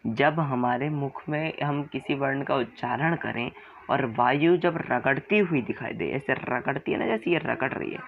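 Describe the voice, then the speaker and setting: Male grammar teacher, gravelly voice, quizzes and answers himself, dull lo-fi recording. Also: mid-range voice, slight background noise. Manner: repeats sounds slowly, asks and answers own questions. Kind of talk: classroom-style explanation.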